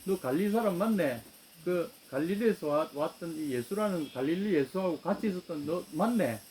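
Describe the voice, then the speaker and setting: Man putting on a taunting Gyeongsang-accented accuser, loud and raised, darkish tone. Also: fairly high pitch, animated, a little fast, a little hiss or hum, voice pushed up, natural voice, poor audio.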